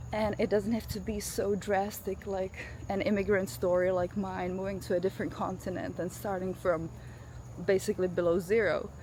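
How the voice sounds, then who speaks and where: A woman in her thirties from the Czech Republic, speaking English with a Czech accent. She gives an emphatic motivational talk straight to the camera while walking her dog outside. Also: mid-range voice. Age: 30s. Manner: emphatic, addresses the viewer directly. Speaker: vlogger. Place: outdoors in a neighborhood after rain, walking a dog. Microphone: self-filming camera with face tracking. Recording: outdoor noise of crickets and passing cars. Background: crickets, insects and traffic.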